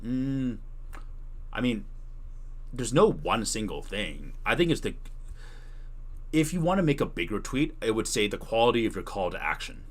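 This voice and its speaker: A man with a fairly low, sing-song voice talks at a moderate pace, leaving long pauses. During his livestream tutorial he casually handles chat questions, thinking aloud and putting things another way.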